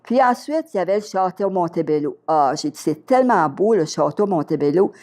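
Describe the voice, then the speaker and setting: A woman's voice: lowish voice, fairly quick. An older woman with a Québécois accent, a retired teacher telling a story as an interview guest and acting out the dialogue in it. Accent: Québécois French. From Quebec. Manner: lively storyteller, acts out dialogue.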